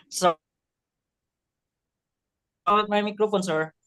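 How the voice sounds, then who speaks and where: A man's voice: high-pitched, steady tone, slow pace, pushed and bright, smooth. A man speaking on an online class call. His audio is choppy and keeps cutting out, and he answers politely in short replies. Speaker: student.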